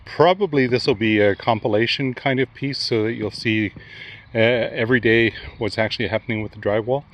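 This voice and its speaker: A man giving a relaxed update, with frequent fillers. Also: fairly low pitch, dull audio. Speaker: homesteader giving a farm update. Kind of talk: casual update to camera.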